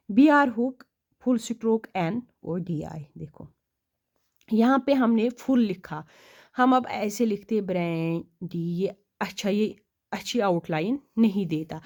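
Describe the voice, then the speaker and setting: A woman teaching shorthand, explaining step by step, asking questions and answering them herself, and reading rules slowly. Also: mid-range voice. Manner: reads English rule text slowly and deliberately; drops to quiet, trailing asides while writing outlines. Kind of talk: classroom explanation.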